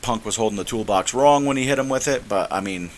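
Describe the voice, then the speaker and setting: A man's voice: medium pitch, quick pace. A man co-hosting a wrestling podcast, chatting in an easygoing, somewhat rambling way. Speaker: podcast co-host. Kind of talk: casual chat.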